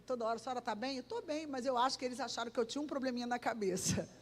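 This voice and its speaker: A Brazilian woman pastor with a Rio de Janeiro accent, preaching a sermon full of lively personal stories, acting out dialogue and breaking into song. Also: fairly high pitch, rapid-fire, a little hiss or hum. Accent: Rio de Janeiro Portuguese. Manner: animated storytelling, acts out dialogue, sings bits. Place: church hall. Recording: church hall reverb.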